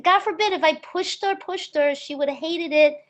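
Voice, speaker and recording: In a conversational interview, a real estate broker in her fifties shares her story with eagerness; she was born in Hong Kong and grew up in the US. Her very high voice moves at a normal speed and sounds a bit bright, with the highs cut off.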